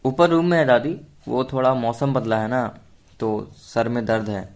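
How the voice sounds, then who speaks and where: A cheerful, easily flustered young woman in love, put on by a male storyteller. She speaks in a voice pitched up and a little louder than a man's own, as in a read-aloud storybook. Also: steady tone, moderate pace, natural voice.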